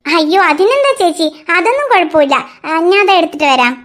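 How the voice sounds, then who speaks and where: A woman's voice: very high-pitched, big pitch swings, fairly quick, a bit bright, heavily acted. A performer voicing a polite, obliging young mother in a cartoon. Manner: polite, agreeable replies. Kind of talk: cartoon voice acting.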